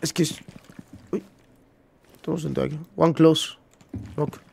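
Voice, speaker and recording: A male gaming streamer with a Spain Spanish accent talks through his match in a loose, chatty way, swearing often and calling out to his viewers. His voice sits a bit higher than most men's. A faint noise runs under the recording. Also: fairly even intonation, takes it slowly, creaky, a little mellow. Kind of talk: casual gameplay commentary.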